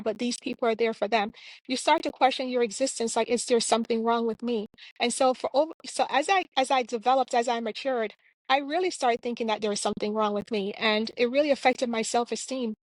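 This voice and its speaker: A woman's voice: fairly high pitch, fairly even intonation, fast, no echo, poor audio. A woman from Jamaica, a clinician and author, answering interview questions in a reflective, earnest way with frequent fillers.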